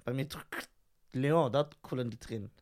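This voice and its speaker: A man's voice: medium pitch, moderate pace, a little mellow. A man co-hosting a casual podcast, joking and laughing with short replies. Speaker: podcast co-host.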